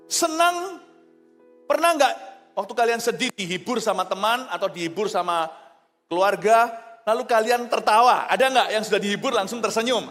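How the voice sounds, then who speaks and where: A man preaching a lively sermon as pastor, animated and jokey, often asking the congregation questions. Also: high-pitched. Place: large church hall. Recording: long hall reverb, faint music.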